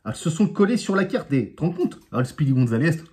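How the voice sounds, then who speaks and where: A man from France hosts his own magic channel and tells a trick as a joking story. He speaks in a lively, sing-song way, with his voice rising and falling a lot. He adds playful sound effects and friendly asides to the viewers. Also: fairly high pitch, quick pace. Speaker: amateur magician, channel host. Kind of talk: jokey storytelling to camera.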